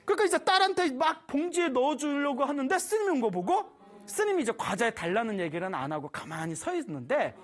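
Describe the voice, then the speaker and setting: A Buddhist preacher telling a temple story in a lively, animated way, laughing often while speaking to an audience. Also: high-pitched, fairly quick. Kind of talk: storytelling dharma talk.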